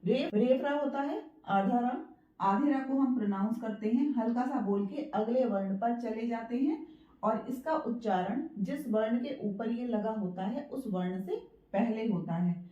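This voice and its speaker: A woman's voice: on the high side, mellow. Patient woman teaching in an echoey room. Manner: patient, repeats points and checks in with "ठीक है"; spells out words slowly syllable by syllable. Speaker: Hindi teacher. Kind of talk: spoken Hindi writing lesson. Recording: echoey room, dull lo-fi sound.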